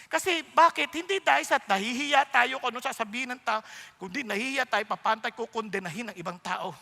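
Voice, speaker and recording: A man preaching a sermon in a church hall, animated and playful, telling stories and joking asides. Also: very high-pitched, a little fast, vocal fry. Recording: long reverb of a large hall.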